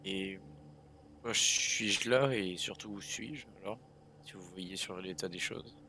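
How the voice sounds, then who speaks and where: A man's voice: deep voice, a little slow, sharp tone, slight background noise. A man playing in a tabletop game, chatting playfully and speaking as his character. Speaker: player. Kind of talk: casual chat and in-character play in a tabletop game.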